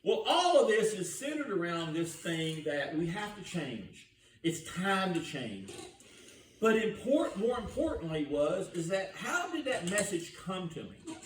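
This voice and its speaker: In a church sanctuary, an older pastor delivers a folksy, story-driven sermon, frequently asking his congregation questions. His voice sits high, and the distant, roomy church recording has a slight hiss or hum.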